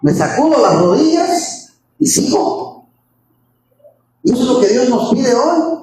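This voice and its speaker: High-voiced preacher in an echoey hall. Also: male voice, very animated, measured pace, a little mellow. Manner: fervent, repeats phrases, addresses listeners as brothers. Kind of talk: Sunday sermon. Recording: very echoey hall, faint background noise.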